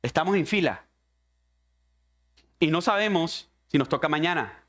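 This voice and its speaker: A man's voice: on the high side, expressive, unhurried, fairly bright tone. A man preaching a sermon as pastor, impassioned and speaking straight to the congregation as his brother. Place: church.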